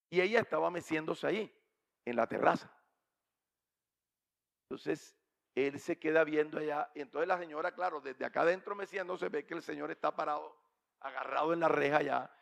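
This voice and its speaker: A man's voice: on the high side, creaky. A man, a pastor, telling a story in a sermon in a conversational way, often checking with his listeners. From Colombia. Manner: conversational, many checks like ¿cierto?. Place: church.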